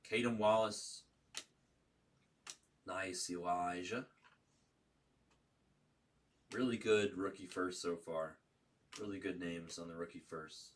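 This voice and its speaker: Opening trading cards, a card break host with a low, fairly bright voice keeps up a casual running commentary, calling out names and serial numbers in short bursts. The mic sits at a distance, picking up faint background noise.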